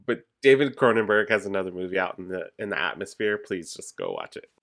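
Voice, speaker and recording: Male podcast co-host, low but forceful voice, animated, exclamatory, chatty pop culture style. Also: fast, gravelly. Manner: animated, exclamatory, swears freely. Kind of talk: casual pop culture chat.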